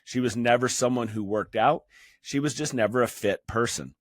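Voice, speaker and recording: A man's voice: mid-range voice, no room sound, studio quality. A man in his fifties hosting a fitness channel, talking earnestly and personally with frequent restarts and fillers. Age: 50s. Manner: earnest, halting with many restarts. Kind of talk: personal talk to camera.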